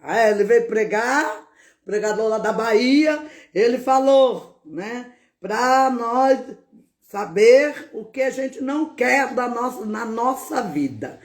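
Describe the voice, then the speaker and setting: Woman preacher, fervent testimony, unhurried pace, frequent praise interjections, occasional shouts. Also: on the high side, lively intonation. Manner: fervent, keeps breaking in with praise phrases; bursts into shouted exclamations. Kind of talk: fervent spoken testimony on a live stream.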